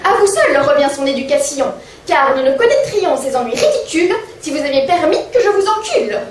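Woman voicing a courtly flattering lion. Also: high voice, brisk, background noise. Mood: dismissive. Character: smooth-talking charming male lion. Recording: echoey stage sound from far off.

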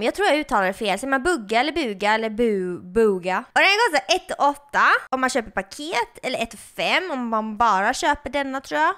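High, bright excitable young woman. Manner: giggly, excitable, shrieks when surprised. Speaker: girlfriend of the host, gaming on camera. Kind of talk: casual gaming chat.

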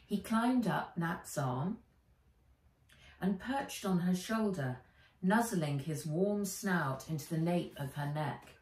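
Reading her own storybook aloud to kids, this middle-aged British woman has a lowish, slightly mellow voice, lively intonation and a slow pace. She's indoors in a bright room by windows onto a garden, recorded roomy and a bit far from the microphone.

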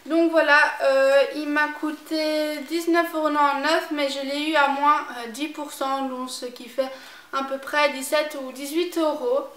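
Slow, hesitant young woman. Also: high-pitched, level tone, a bit bright. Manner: hesitant, pauses often with filler sounds. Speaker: beauty vlogger. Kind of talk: casual shopping haul talk. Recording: echoey room.

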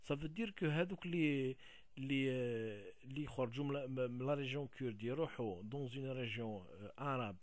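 A man from Algeria with an Algerian Arabic accent, explaining things casually in a halting way, often repeating words and switching into French. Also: mid-range voice, no room sound.

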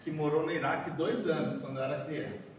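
A man's voice: on the high side, fairly even intonation, fast talker, a little hiss or hum. Chatty man in an echoey hall. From Bahia, Brazil. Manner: chatty, keeps asking "né?" and "certo?", walking and folding paper. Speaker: origami speaker. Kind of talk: workshop talk to a seated group. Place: large dim conference room. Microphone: far room camera, no mic seen. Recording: echoey hall heard from far off.

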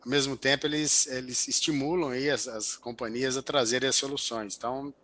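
An older agricultural researcher explains things in a remote interview from his home office, speaking into a headset on a video call with many fillers and restarts. His mid-range voice is steady, fairly quick, and bright with a forceful tone, with no room sound.

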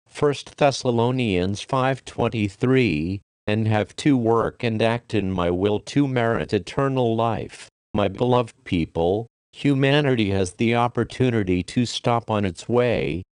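A man giving a solemn, measured scripted reading of a religious message, slowing down for the scripture references. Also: fairly low pitch, a little mellow, smooth, no echo, studio quality. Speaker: reader of a religious prophecy message.

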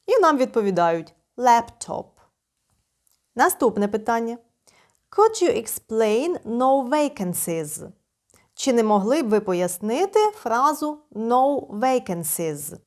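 A woman leads a slow, patient English lesson. Her voice moves up and down in a very lively, singsong way. She reads each English phrase, then translates and explains it carefully. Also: fairly high pitch. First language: Ukrainian. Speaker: English teacher.

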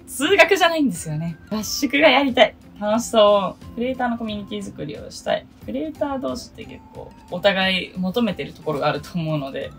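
A young woman in her twenties from Okinawa, chatting casually through a list of goals in a solo vlog, with a low voice and self-deprecating asides. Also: gravelly. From Okinawa, Japan. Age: 20s. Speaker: idol producer and vlogger.

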